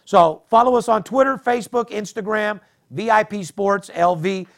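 A man's voice: sits high, normal speed. A man hosting a sports betting podcast, talking in a boastful, profane, hard-selling way. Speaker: podcast host.

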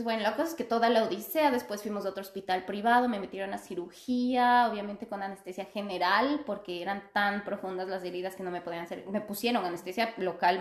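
Gravelly-voiced young woman telling a story. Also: mid-range voice. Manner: chatty, animated, laughs often. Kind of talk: casual storytelling. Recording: echoey room.

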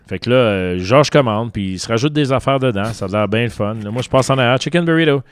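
A man with a Québécois French accent spins a long, animated story among friends, slipping English words in as he goes. His voice is smooth and clear. The sound is dry and close, with little room tone. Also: on the low side, a little fast, dry recording. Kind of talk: casual storytelling chat.

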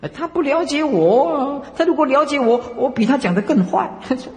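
A Buddhist monk lectures in a high, animated voice that leaps up and down in pitch. He presses his points with emphatic rhetorical questions. His voice rings out with a long reverb, as if he is in a large lecture hall. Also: normal speed. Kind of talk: dharma lecture.

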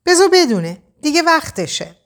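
A woman's voice: high-pitched, sing-song, fairly bright tone, pitched above the performer's own voice, heavily acted. A woman voicing an agitated young man in a desperate hurry, urgent and exasperated. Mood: shouting.

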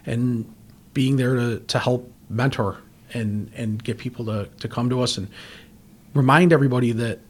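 A police chief speaks in a somewhat husky, mid-pitched voice. He is measured and reflective, restarting phrases with small fillers as he thinks. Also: steady tone. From from western New York. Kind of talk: conversational interview.

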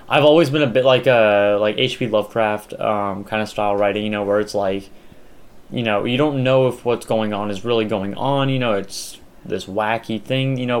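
A young man chatting casually as a podcast co-host, rambling with lots of fillers and restarts. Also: lowish voice. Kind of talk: casual chat.

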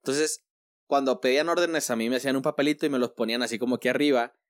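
A man's voice: mid-range voice, fairly even intonation, rapid-fire, no room sound, clean studio sound. A man with a Mexican accent, telling a story in casual, slangy chat. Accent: Mexican Spanish.

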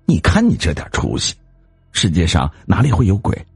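A man's voice: wildly swooping pitch, normal speed, gravelly, slightly rough, dry recording, soft background music, full character voice. A man voicing a greedy, scheming wife who bosses and scolds her timid husband. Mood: scornful. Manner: scolding, bossy, shrill. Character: scheming greedy wife, woman, sharp-tongued.

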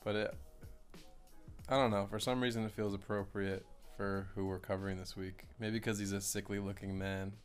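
A man's voice: lowish voice, little pitch movement, normal speed, clear, resonant tone, faint music behind. A young man co-hosting a casual podcast, blunt and joking, with a dry sense of humor. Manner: blunt, dry jokes, laughs often. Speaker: podcast co-host. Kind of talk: casual chat.

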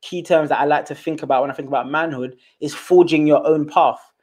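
A young man with a London accent, telling a story from his school days as a guest on a casual interview, repeating words when excited. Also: on the high side, fairly quick. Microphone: remote call.

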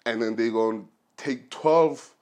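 A man's voice: medium pitch, measured pace, a little mellow. A man hosting a solo podcast, talking casually in a rambling, joking way with plenty of slang. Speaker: podcast host.

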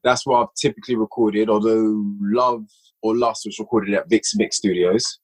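This young man's voice is lowish and slightly husky, and the recording is rough. Appearing as a podcast guest, he talks casually and eagerly about writing and directing audio stories, with occasional quick bursts of energy livening his animated delivery.

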